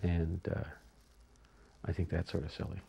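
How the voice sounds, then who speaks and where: Low, gravelly middle-aged man, measured. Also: monotone, dark tone, dull audio. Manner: measured and reflective. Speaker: interviewee. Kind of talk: casual interview. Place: indoor room by a window.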